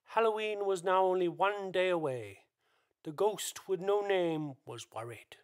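Reading from a script, a man narrates a radio play in a high voice. He tells the story slowly and dramatically, taking his time.

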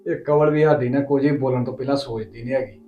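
A man's voice: mid-range voice, steady tone, quick pace, faint music behind. Stubborn Punjabi man on a muffled call. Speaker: husband on the phone. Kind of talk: Punjabi family drama acting.

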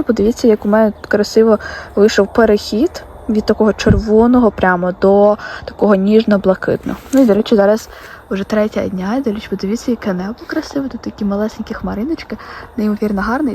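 Fast-talking young woman with a breathy voice. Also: fairly high pitch, dark tone. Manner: chatty, enthusiastic, shows things to viewers. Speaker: art vlogger. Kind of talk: casual vlog narration. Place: rural home.

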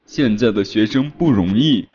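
A kind primary school teacher in a cartoon story, mild and polite, with a somewhat lower voice than the narration, as a man does him. The sound is dull and lo-fi. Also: animated, moderate pace, a little mellow, lightly acted. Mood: gentle. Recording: dull lo-fi audio.

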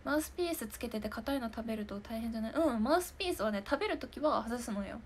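Woman, 20s, idol stream host; casual, giggly chat, slightly high voice, faint background hum. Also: animated, racing. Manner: giggly and chatty, often laughing. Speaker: idol hosting a live stream talk show. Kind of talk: casual chat answering viewer comments.

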